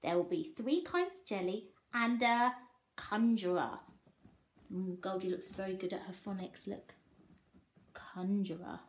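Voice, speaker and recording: A woman teacher with a mid-range, slightly slow voice reads a picture book aloud to young children. She's expressive and animated, adding asides and coaxing questions to her listeners.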